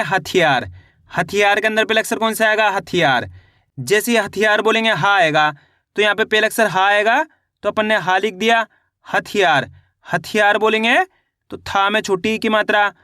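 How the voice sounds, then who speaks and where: Bright-voiced man spelling words slowly. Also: high voice, dry recording, clean studio sound. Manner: patient, repeats each word with a question. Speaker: Hindi reading teacher. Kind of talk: slow spelling lesson, syllable by syllable.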